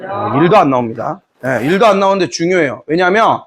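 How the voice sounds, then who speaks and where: A man teaching history in a lively lecture, playfully acting out scenes from the story. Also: fairly high pitch, fast. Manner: animated storytelling, playful, voices characters.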